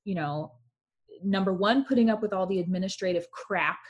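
A woman's voice: medium pitch, normal speed, husky, dull audio. A woman in her twenties chatting casually and reflectively as a guest, with many fillers. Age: 20s. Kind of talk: casual chat.

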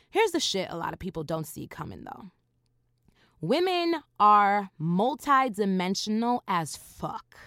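Lively, slangy woman in her thirties. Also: mid-range voice, no echo, studio quality. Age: 30s. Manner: animated, slangy, laughing, swearing freely. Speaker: podcast host. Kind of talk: casual solo podcast monologue.

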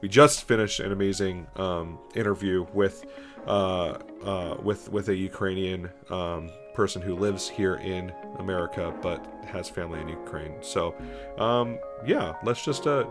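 A man's voice: deep voice, measured pace, over music. Rambling casual male podcast host. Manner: loose, rambling, swears casually.

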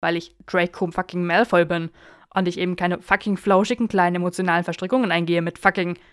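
A woman voicing a brash, agitated young male wizard in an audiobook reading, loud and defensive. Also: fairly low pitch, level tone, moderate pace, clean tone, close to an everyday voice.

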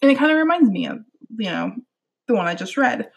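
A woman's voice: fairly high pitch, big pitch swings, brisk. A young woman chatting casually about books at home at night, giggly, rambling and poking fun at herself. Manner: giggly, rambling, self-deprecating. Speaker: book reviewer. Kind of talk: casual chat.

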